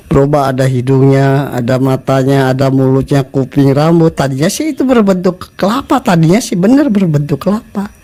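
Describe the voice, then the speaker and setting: A man's voice: fairly high pitch, a little mellow. A man tells a spooky story from his own life. He rambles in loose chat, repeating words and phrases as he goes, and acts out the voices of the people in it. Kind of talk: casual spoken ghost story.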